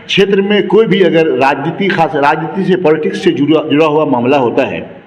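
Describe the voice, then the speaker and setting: A man's voice: on the high side, a little fast, a little hiss or hum. A man interviewing a local politician with formal, polite questions. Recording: long reverb.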